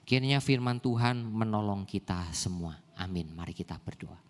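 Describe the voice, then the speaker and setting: A man's voice: lowish voice, normal speed. An older man preaching a sermon in a church service, often asking the congregation rhetorical questions. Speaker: pastor. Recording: echoey church hall.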